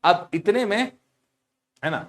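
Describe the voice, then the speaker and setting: A man teaching a class, animated and teasing, asking questions and repeating key words back to his students. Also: high voice, slow pace. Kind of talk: lively storytelling lecture.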